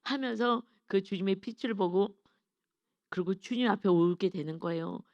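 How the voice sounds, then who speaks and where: Woman pastor, dawn devotional sermon, emphatic and earnest, mid-pitched, dry close sound. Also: normal speed, darkish tone, no echo, highs cut off. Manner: earnest, emphatic, acts out quarrels in quoted voices. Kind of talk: early-morning devotional sermon.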